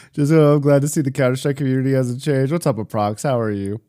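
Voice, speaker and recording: A young man streaming, reacting to clips in casual chat, excitable and swearing, shouting in disbelief at big plays. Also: mid-range voice, fairly quick.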